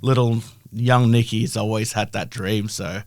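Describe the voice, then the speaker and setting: A man's voice: lowish voice, fairly even intonation, measured pace, creaky, a little mellow, dry recording, studio quality. A middle-aged man with a broad Australian accent, explaining his work as a guest in a conversational interview. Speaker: interview guest, health-tech founder.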